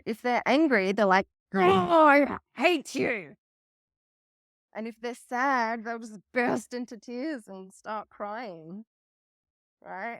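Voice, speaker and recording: A woman coach giving an earnest teaching talk on emotional self-care, speaking slowly and deliberately and swearing now and then. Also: medium pitch, clean tone, dry recording, clean studio sound. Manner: earnest, slow and deliberate, acts out quoted voices, swears casually. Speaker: relationship coach.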